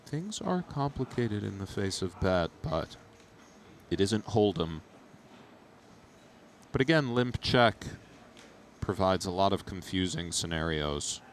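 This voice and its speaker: A man giving analytical poker commentary and casual chat in a measured, thoughtful way. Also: deep voice, very animated, slight background noise.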